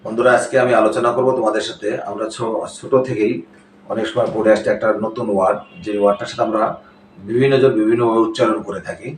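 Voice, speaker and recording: A man teaching a spoken English lesson who explains slowly, repeats his points and checks with "clear?". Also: on the low side, steady tone, recorded from a distance, a little hiss or hum. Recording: very echoey room, voice off-mic.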